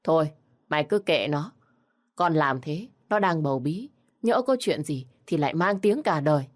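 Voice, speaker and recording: A woman's voice: sits low, expressive, normal speed. A woman voicing a harsh, berating elderly mother-in-law in a storybook reading. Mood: snapping.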